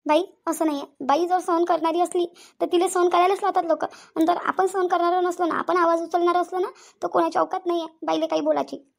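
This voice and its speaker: Rohini, soothing cartoon friend. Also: female voice, very high-pitched, level tone, fairly quick, gravelly. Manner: soothing, reassuring, asks "hm?" often. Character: comforting female friend, adult woman. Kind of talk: Marathi cartoon voice acting.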